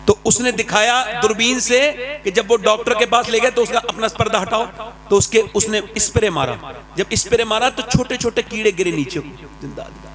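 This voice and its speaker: A man delivering an impassioned sermon, telling stories and building up to loud shouted climaxes. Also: high voice. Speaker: preacher. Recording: preaching to a live crowd. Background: crowd.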